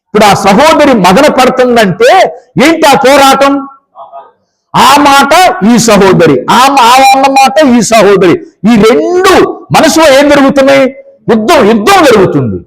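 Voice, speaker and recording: A man's voice: very high-pitched, very animated, moderate pace, rough recording. A man preaching a sermon, asking the congregation questions, repeating phrases for emphasis and urging them to praise aloud. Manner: urges the audience to praise aloud. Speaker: pastor.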